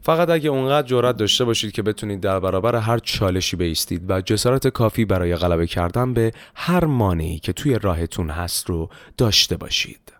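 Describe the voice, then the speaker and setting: A man hosting a book-summary podcast, telling the story in a steady scripted narration and closing with a polite formal thanks. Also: lowish voice, no echo.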